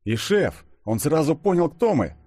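A man's voice: a little high, sing-song, a little slow, warm tone, breathy edge, no room sound, voice pushed up, full character voice. A man voicing an earnest, slightly naive young male agent in an audiobook.

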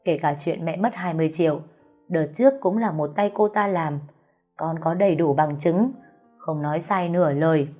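A woman voicing a calm, measured young husband in an audio story. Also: low-pitched, faint music behind.

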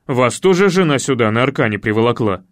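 Man voicing a gruff grumbly henpecked guy, dry close voice. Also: medium pitch, lively intonation, a little fast, no echo, voice pushed down, close to an everyday voice. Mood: grumbling. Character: grumpy stout middle-aged man, henpecked.

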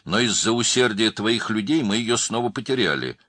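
A man voicing a calm, measured male police lieutenant colonel in a story reading. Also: on the low side, no room sound, studio quality, pitched above the performer's own voice. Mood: pressing.

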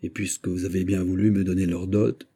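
Young king, grave n firm, a bit ironic, man reading it, raised husky voice. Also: deep voice, level tone, fairly quick, warm tone. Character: young king, grave beyond his years.

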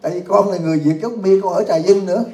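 Guy teaching buddhism, jokey, keeps quizzing the crowd, kinda high voice, roomy echo. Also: fast talker, a little mellow. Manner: jokey, often laughing, asks the audience questions. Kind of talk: humorous Dharma talk. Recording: echoey room.

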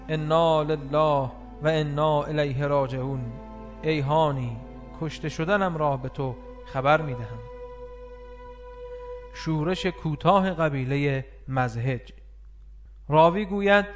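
A man reading an audiobook of a religious history in a measured, grave scripted narration, lifting his voice for shouted quotes. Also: fairly high pitch.

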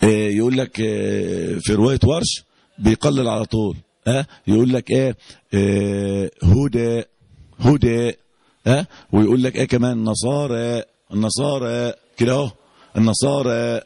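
A man with an Egyptian accent teaching a Quran recitation lesson, quizzing the class and drawing out example words slowly. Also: on the low side, creaky, dark tone. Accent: Egyptian Arabic.

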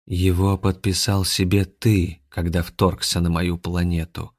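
A man voicing the vengeful last alien of its race, speaking through a boy, grim and steady. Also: low-pitched, measured pace, dry recording, studio quality.

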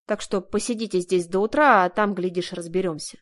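A woman's voice: medium pitch, fairly quick, a bit bright, lightly acted. A woman voicing a stern, weary male police investigator with a dry, tired manner, read for an audiobook.

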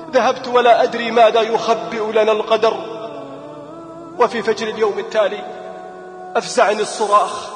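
A man's voice: very high voice, fairly bright tone. Man preaching a sad story, begging and repeating himself, roomy echoey sound. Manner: impassioned, pleading, repeats phrases for emphasis. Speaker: preacher telling a moral story. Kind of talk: emotional sermon-style story narration. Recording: echoey hall with background music.

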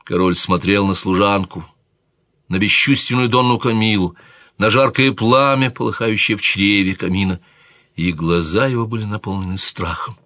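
A man narrating a historical romance audiobook in an expressive, theatrical storytelling manner. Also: lowish voice, normal speed, dry recording, studio quality.

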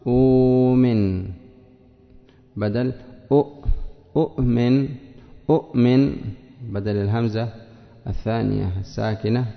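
A male teacher who reads a passage aloud, then explains it step by step, drawing out example words slowly and quizzing his students. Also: medium pitch, creaky. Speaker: teacher of Arabic morphology. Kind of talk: classroom lesson reading and explaining a text. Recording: dull lo-fi lecture recording with long reverb.

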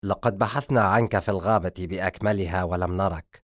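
A man's voice: deep voice, brisk, dry recording, studio quality, natural voice. A man voicing a teasing young boy friend in an audiobook story, with a mocking tone.

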